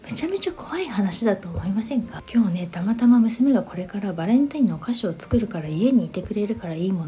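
A woman in her fifties tells a story in a relaxed, chatty monologue with a mellow, warm tone. She keeps turning to her listeners to ask what they make of it, and faint music plays softly behind her. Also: medium pitch. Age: 50s. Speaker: podcast host.

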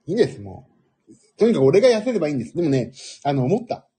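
A middle-aged man with a husky voice hosting a casual, rambling audio stream in a self-deprecating manner. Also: a little high, sing-song, racing, warm tone. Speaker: audio livestream host.

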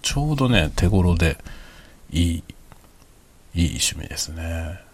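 A middle-aged hobby vlogger speaks in a hushed late-night voice, very deep and slightly rough at the edges. Unhurried and easygoing, he chats and explains things casually, staying quiet throughout.

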